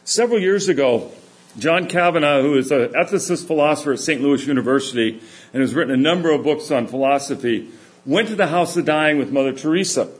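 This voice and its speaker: A middle-aged man giving a sermon, telling stories in a relaxed, conversational way. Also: fairly high pitch, a little fast. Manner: anecdotal, conversational storytelling. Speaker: preacher. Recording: echoey room.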